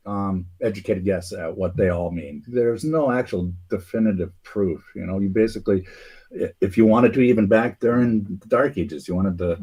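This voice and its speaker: Hosting a podcast of casual conspiracy talk, a man speaks in a low, husky voice that stays dark and mellow. He rambles and hesitates, restarting sentences and filling gaps with "um" and "uh."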